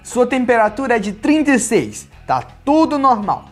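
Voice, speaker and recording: Playing a toy doctor for a children's video, this young man with a Brazilian accent tells a playful story using simple phrases aimed at kids. His voice is very high-pitched and very animated at a moderate pace, recorded indoors in a small furnished playroom studio over background music.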